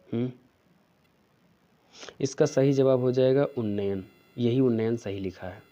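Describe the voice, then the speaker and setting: Male tutor, slow and mellow, drilling correct spellings; lo-fi recording. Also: medium pitch. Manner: slow, repeats each answer with a checking "theek hai". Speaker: Hindi teacher. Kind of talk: exam-prep spelling lesson.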